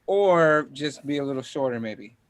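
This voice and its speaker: A man giving casual musical feedback in halting, tentative phrases during a studio session. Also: medium pitch, animated, clean tone, no room sound.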